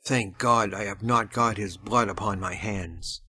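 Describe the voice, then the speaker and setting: A man's voice: on the low side, fairly even intonation, unhurried, bright, forceful tone, husky, full character voice. A reader voicing a grim young man bent on revenge, speaking sternly.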